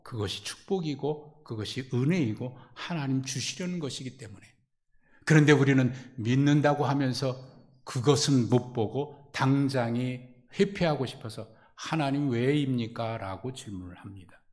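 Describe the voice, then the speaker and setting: A man preaching a sermon as a pastor, addressing the congregation and acting out quoted voices, swinging from loud pleading questions to hushed near-whispers. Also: medium pitch, moderate pace.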